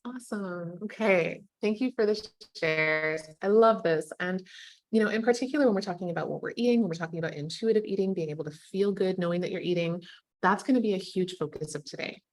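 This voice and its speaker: Encouraging woman coach, low dry voice. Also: fast, dry recording. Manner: warm, encouraging, affirming, casual filler words. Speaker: nutrition coach teaching an online master class. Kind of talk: live webinar teaching, reading chat comments.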